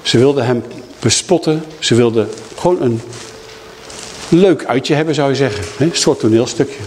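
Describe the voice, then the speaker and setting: A man preaching a Bible teaching, telling the story in a lively way and voicing the people in it. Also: mid-range voice, moderate pace, a little hiss or hum. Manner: lively storytelling, acting out quoted speakers. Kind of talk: sermon teaching.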